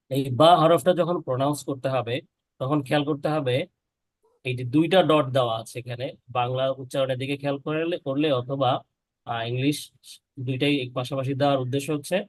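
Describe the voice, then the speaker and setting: A man's voice: medium pitch, no room sound, poor audio. Patient man teaching on a video call. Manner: patient, explains step by step, models sounds for students to repeat. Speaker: Quran teacher. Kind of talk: online class teaching letter pronunciation.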